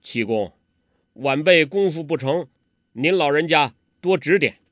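A man voicing an earnest, honest young man who speaks humbly and a bit slow-wittedly. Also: on the high side, lively intonation, fairly bright tone, no echo.

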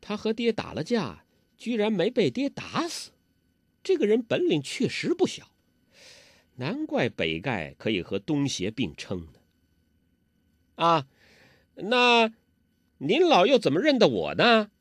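A man voicing a clever, playful young girl who speaks in a coaxing, quick, sweet way. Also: high voice, huge pitch swings, no echo, clean studio sound, voice pushed up, exaggerated voice. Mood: musing.

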